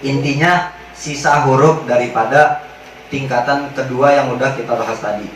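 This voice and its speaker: A man teaching Quran recitation rules in casual slang, joking with his class and chanting drawn-out examples. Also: medium pitch, steady tone, fairly bright tone, slight background noise. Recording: very echoey hall, mic at a distance.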